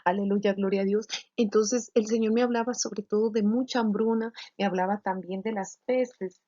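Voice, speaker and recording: A woman preaching and telling her own vision as a testimony sermon, earnest and halting, with many restarts. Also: medium pitch, mellow, highs cut off.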